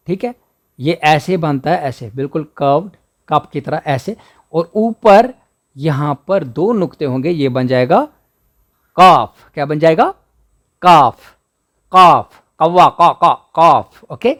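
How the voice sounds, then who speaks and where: Slow sing-song Kashmiri male teacher. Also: on the high side, lively intonation. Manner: mixes English words into Hindi. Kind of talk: alphabet lesson for children.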